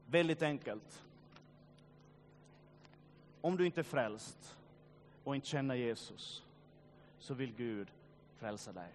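A man preaching a sermon, swinging between loud urging and quiet, grave passages, with joking asides to the congregation. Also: mid-range voice, lively intonation, long pauses, slight background noise. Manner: joking asides, addresses listeners directly. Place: church meeting.

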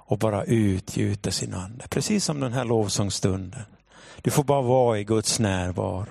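A man in his thirties preaching a sermon in church, telling a personal story with animated delivery. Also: mid-range voice, vocal fry, dry recording, studio quality. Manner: animated storytelling, shouting when acting out the scene. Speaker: pastor.

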